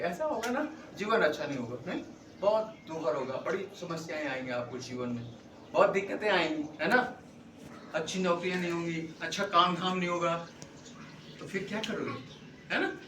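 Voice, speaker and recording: A middle-aged male schoolteacher with a high, fairly bright voice teaches a class, coaxing pupils with constant check-in questions and repeatedly asking "है ना?". The recording is echoey and distant-miked, with faint noise.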